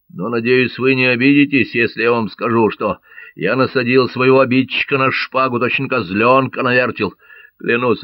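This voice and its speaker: A man doing a gruff wounded buccaneer. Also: on the low side, no echo, muffled recording, natural voice. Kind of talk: audiobook character voice.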